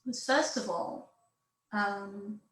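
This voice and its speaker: A woman hosts the conversation and asks her guest measured, probing questions. Her voice sits at an ordinary middle pitch, and the room around her adds a noticeable echo. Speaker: host. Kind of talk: interview conversation. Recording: roomy echoing room.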